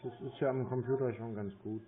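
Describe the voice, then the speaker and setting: Posing as a customer, a scam-baiter talks on the phone, hesitant and plodding, asking questions along the way. His mid-range voice is steady and fairly quick. The audio comes through a muffled, narrow phone line.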